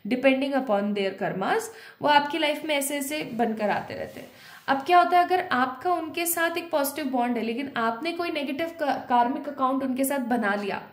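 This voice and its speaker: High-voiced woman reading tarot cards. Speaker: tarot card reader. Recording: roomy echo.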